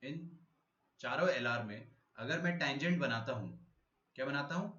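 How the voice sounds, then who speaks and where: A male maths teacher giving a live online lecture, explaining slowly and checking whether students have understood. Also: medium pitch, sharp tone. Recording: echoey room, dull lo-fi audio.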